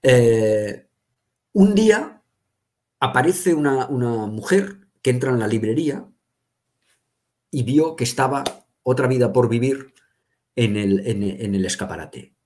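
A man's voice: medium pitch, expressive, a little slow, long pauses, a little mellow. A man hosting a casual talk as a bookseller, telling anecdotes in a chatty way with frequent stammers and repeated words. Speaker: bookseller and host. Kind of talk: casual conversation.

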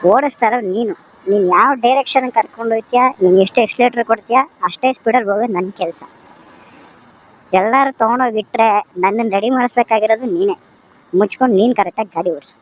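A man's voice: extremely high pitch, fast, slight background noise, pitched above the performer's own voice, rough recording. A man voicing a cheeky talking motorbike that scolds its rider in a comic motovlog sketch. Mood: scolding. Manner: bossy, scolding, talks back.

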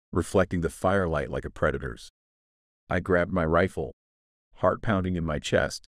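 A man's voice: sits low, no room sound, studio quality. A man giving a scripted first-person horror narration, grave and suspenseful in his storytelling.

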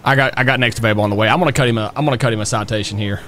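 A man streaming a police role-play game, excitable, laughing often and calling people bro while thanking his chat. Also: mid-range voice, very fast. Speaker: streamer playing a police officer. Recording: noisy stream mix with game vehicle sounds.

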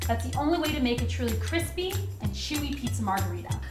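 A young woman co-hosts a comedic cooking show in a home kitchen, walking through each step with a polished presenter's manner. Her voice sits slightly high, and music is clearly heard behind her. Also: animated, fast. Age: young adult. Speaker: co-host.

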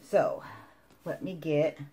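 A woman's voice: low voice, takes it slowly, mellow, breathy edge. A woman casually narrating a hands-on craft tutorial as she works. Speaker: resin craft demonstrator.

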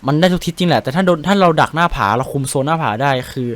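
A young man with a Thai accent giving casual gameplay commentary, chatty and excitable, swearing casually while he explains tactics. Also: a little high, racing, no echo. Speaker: game streamer.

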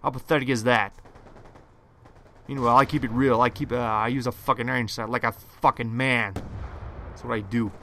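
Raging male gamer, sharp and forceful. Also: mid-range voice, steady tone, a little fast, slight background noise. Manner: raging gamer, exasperated outbursts, sarcastic, heavy swearing. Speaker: gamer commentator. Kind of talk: raging gameplay commentary, profane. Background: video game gunfire.

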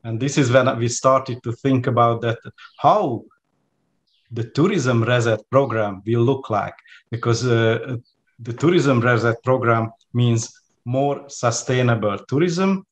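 A man's voice: medium pitch, measured pace. Hesitant Hungarian-accented man on a video call. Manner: hesitant, many fillers and restarts. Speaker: guest lecturer. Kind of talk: interview over video call. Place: home room with plants. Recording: faint background noise on video call.

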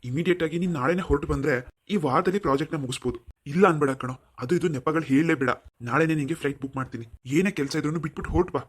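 A man's voice: a little high, rapid-fire, husky. A man playing a pushy, affectionate rich father. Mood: insistent. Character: wealthy older father, company owner, insistent. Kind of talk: cartoon voice acting.

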